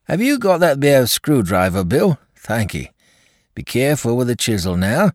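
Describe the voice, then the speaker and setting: A man voicing a rough-spoken working-class gravedigger at a coffin, in an audiobook reading. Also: mid-range voice, sing-song, moderate pace, no echo, clean studio sound, voice pushed up, natural voice. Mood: brisk.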